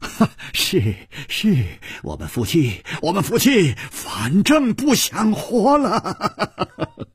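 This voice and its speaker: Li Yuhan: man putting on a shrill cornered villain. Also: huge pitch swings, very slow, no echo, clean studio sound, heavily acted. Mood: desperate. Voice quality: strained, hoarse shouting. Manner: shouts in panic, voice cracking high. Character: desperate cornered male villain, shrill and strained.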